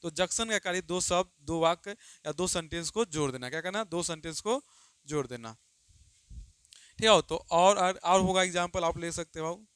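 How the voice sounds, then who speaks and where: A man's voice: high voice, moderate pace, a bit bright, clean tone, no echo. A man teaching a grammar lesson to students, who keeps asking questions and answering them himself, calling them "babu" and drawing out the example sentences he dictates.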